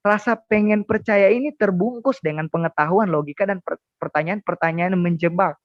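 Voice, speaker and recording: A young man giving an emotional personal testimony as an interview guest, often halting and repeating words as he tells it. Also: high-pitched, no room sound, muffled recording. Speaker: guest sharing a conversion testimony.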